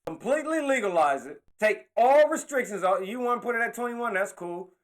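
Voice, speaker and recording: A man delivering an impassioned monologue to camera, animated and slangy, talking with his hands. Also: high-pitched, a little fast. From California. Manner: animated, preachy, slangy street talk, gestures while talking. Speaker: political commentator.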